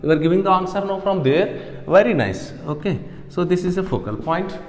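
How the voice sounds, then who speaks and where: A male science teacher with an Indian accent speaks in a fairly high voice in a very echoey, reverberant room. He repeats his phrases for emphasis and keeps asking questions to check that the class follows. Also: expressive, moderate pace. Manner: repeats phrases, asks and answers own questions, checks understanding. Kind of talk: classroom physics lesson.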